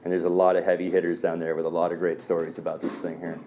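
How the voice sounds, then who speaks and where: Low-voiced man telling stories casually. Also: monotone, fast talker, mellow, a little hiss or hum. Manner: loose storyteller, fillers like "man" and "um". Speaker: speaker sharing at a recovery meeting. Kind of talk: casual personal talk.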